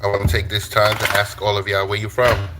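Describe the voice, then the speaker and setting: A man's voice: lowish voice, completely flat delivery, fairly quick, noisy background. A man from Brooklyn, chatting playfully with viewers on a live tarot stream, joking and swearing freely. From Brooklyn, New York.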